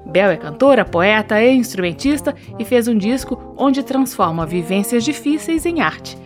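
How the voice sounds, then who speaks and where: A woman hosts a radio arts show, delivering smooth scripted introductions and well-formed questions to her guest. Faint music sits low beneath her voice. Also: expressive, normal speed. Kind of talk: radio interview.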